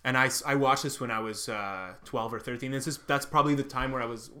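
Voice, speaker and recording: A Lebanese-born man, a comedian co-hosting a podcast, talks fast in a mid-range voice with a bright, forceful tone. He rambles and swears through a casual chat, cracking self-deprecating jokes.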